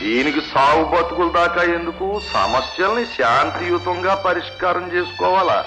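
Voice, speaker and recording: A man's voice: fairly high pitch, animated, moderate pace, over music, close to an everyday voice, rough recording. A middle-aged man playing a scheming, wisecracking father in a 1970s film comedy. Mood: mocking. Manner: mocking, wisecracking. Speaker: girl's father.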